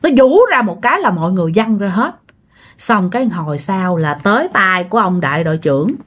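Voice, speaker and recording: A woman's voice: medium pitch, lively intonation, fairly quick. A woman telling a ghost story casually, chatting directly to her listeners.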